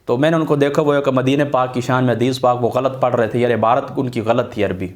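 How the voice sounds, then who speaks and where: A middle-aged man from Pakistan speaks as an Islamic scholar looking back on his student years. His voice sits at an ordinary middle pitch, and his storytelling is earnest and lively. He swears oaths that what he says is true. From Pakistan, Attock area. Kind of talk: casual storytelling talk.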